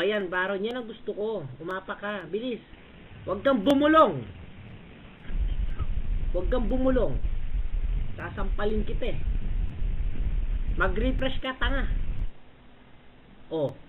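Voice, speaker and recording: A man trash-talking rivals in an online voice chat room, mocking them and barking short orders. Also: high voice. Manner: taunting and bossy, repeatedly barking short orders and "ha?". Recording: tinny voice-chat line with faint hiss.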